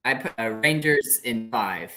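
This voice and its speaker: A man's voice arrives over a failing internet call, turned robotic and broken into clipped fragments. His tone is bright and forward under the distortion. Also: medium pitch, animated, unhurried. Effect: choppy robotic voice from a breaking internet connection. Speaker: co-host panelist. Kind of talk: casual sports chat over a video call. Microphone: remote call audio.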